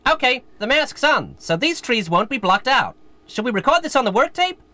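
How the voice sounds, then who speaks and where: An actress playing an eager, cheeky young apprentice in scripted promotional dialogue. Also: female voice, high voice, sing-song, normal speed, pushed and bright, no echo, full character voice. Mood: chirpy. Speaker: apprentice character in a promo video.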